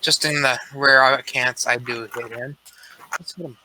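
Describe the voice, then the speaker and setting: A man's voice: mid-range voice, fairly even intonation, normal speed, bright, forceful tone, slight background noise, poor audio. A man playing a tabletop game, chatting casually with cocky jokes and swearing.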